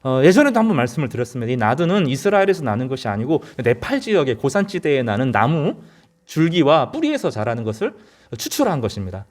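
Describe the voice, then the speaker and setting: Animated male pastor preaching. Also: medium pitch, fast. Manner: earnest preaching with rising emphasis and frequent "어" fillers. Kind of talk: sermon.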